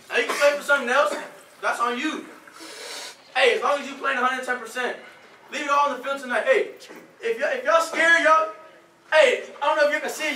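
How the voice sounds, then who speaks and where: A young male player makes an earnest pep speech in a high, bright voice. His delivery comes in halting bursts. He is some way from the mic in an echoey room. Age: young adult. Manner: halting, peppered with "hey". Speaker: football player. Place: indoor locker room. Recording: echoey, distant camera mic, faint noise.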